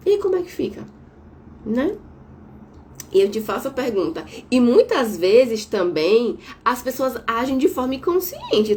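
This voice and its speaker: A woman therapist from Brazil giving a live talk from home, speaking a bit louder on purpose and checking in with listeners. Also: mid-range voice, slight background noise. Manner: speaking a little louder on purpose, didactic, tag questions. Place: at home, window shut, air conditioning on.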